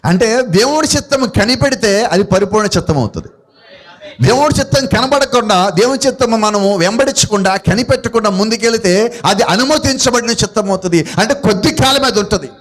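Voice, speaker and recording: A man's voice: sits high, a little fast. A man with a Telugu accent preaching a sermon to a congregation, asking them questions and answering them himself. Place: church gathering.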